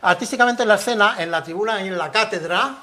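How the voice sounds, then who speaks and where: An older man lecturing at an academic conference in a high, bright voice. He talks in an animated, rhetorical way and keeps acting out the phrases he quotes, and his pitch rises and falls sharply as he does. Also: quick pace. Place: university lecture hall.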